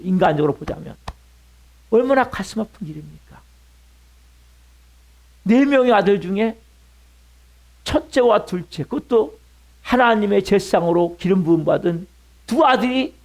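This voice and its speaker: Middle-aged male pastor, high voice, wide swings in pitch, emphatic sermon delivery that drops to hushed lines. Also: animated, unhurried, pauses often. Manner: emphatic preaching with rhetorical questions, sudden drops to a hush.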